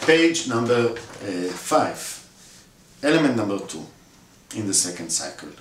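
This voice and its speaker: A man explaining a vocal score step by step, pausing often with fillers and acting out the sounds himself. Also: on the low side, big pitch swings, slight background noise. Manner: demonstrates sounds with his own voice, many fillers. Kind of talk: instructional walkthrough. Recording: echoey room, voice from far off.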